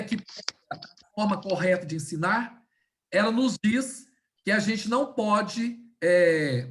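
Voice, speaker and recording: A woman's voice: mid-range voice, slight background noise. Patient woman teaching an online class. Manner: didactic, checks in often with "tá?" and "né?".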